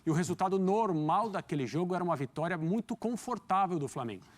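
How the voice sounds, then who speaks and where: A man's voice: sits high, animated, fast talker. A man giving studio football analysis in an articulate, emphatic way, with rhetorical questions. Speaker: football commentator.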